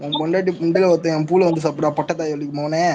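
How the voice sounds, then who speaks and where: Muffled, fast-talking jeering man. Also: on the high side, fairly even intonation. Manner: crude, jeering insults. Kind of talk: heated online audio-room argument. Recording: muffled noisy phone audio.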